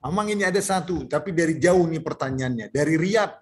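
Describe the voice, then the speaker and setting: A man moderating a worship session, casually reading out a viewer's question in a soft voice. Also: on the high side, expressive, a little fast.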